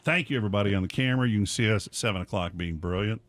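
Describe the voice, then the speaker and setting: A man hosting a radio morning show, chatting casually and telling rambling, animated stories in the studio. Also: on the low side, racing.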